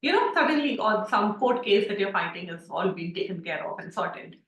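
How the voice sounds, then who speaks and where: Teaching her online class, a woman spins chatty, filler-heavy stories in an animated, brisk manner. Her medium-pitched voice comes from far off the mic, carried over a roomy video call.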